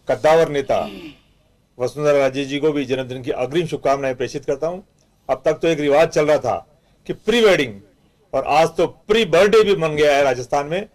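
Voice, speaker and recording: A man's voice: a little high, darkish tone. A man speaking as a party spokesman in a televised debate, with formal greetings and mocking rhetoric.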